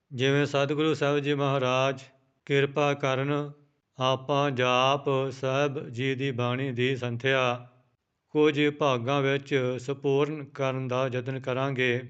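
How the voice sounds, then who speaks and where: A man teaches scripture pronunciation at a very slow, patient pace. His voice is smooth and clear, and he spells each word out letter by letter before saying it again. The recording sounds a little dull and lo-fi. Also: medium pitch. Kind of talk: slow, careful recitation lesson.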